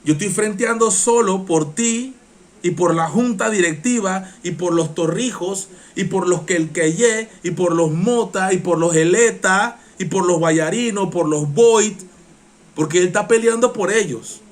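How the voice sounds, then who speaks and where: A man's voice: high voice, measured pace. A man with a Panamanian accent hosting a live-stream reaction show, talking passionately and getting worked up. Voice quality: strains his voice. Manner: excitable, passionate, gets worked up. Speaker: live-stream political commentator.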